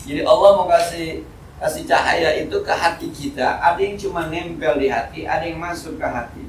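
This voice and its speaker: A man with a Jakarta Betawi accent giving an informal, joking sermon at a mosque study session, swinging between loud and soft. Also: a little high, a little fast, slight background noise. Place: mosque hall. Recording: echoey hall, speaker far from mic.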